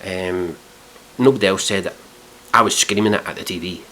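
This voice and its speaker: A man's voice: sits low, normal speed, sharp tone, a little hiss or hum. A man ranting in a casual review video, exasperated and swearing a lot. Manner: exasperated, heavily profane, mock-outraged.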